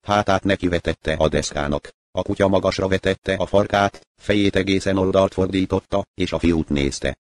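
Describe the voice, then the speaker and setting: A man reading a literary short story aloud in a measured, even narrating voice. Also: deep voice.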